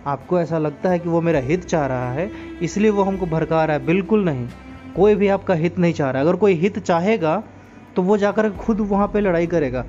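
A man's voice: sits high, a little mellow. Earnest Hindi-speaking man, lo-fi. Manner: earnest, moralizing, asks many rhetorical questions. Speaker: podcast host. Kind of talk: casual spoken monologue.

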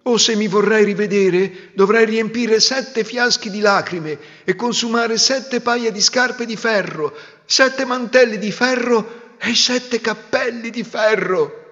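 A man's voice: high voice, slow, bright, forceful tone, long reverb tail, muffled recording, pitched above the performer's own voice, heavily acted. A man voicing an angry young prince who speaks in a commanding, wrathful way.

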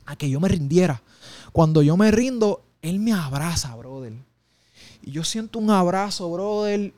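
A man's voice: high voice, animated, unhurried, mellow, no echo. A man, an interview guest telling a personal testimony in an intense, emotional way full of street slang.

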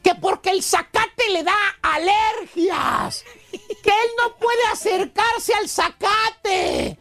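A man voicing a squeaky, rambling know-it-all with a Mexican accent in a radio comedy sketch, mocking and lecturing his buddies. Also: takes it slowly, pushed and bright, full character voice. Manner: mocking, rambling, keeps saying caballo. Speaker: radio show regular.

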